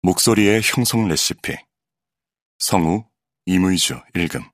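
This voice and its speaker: A man, a professional voice actor, reading an educational audiobook in a clear, measured, explanatory way, close on a studio microphone. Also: sits low, fairly bright tone, dry recording. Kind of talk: scripted educational narration.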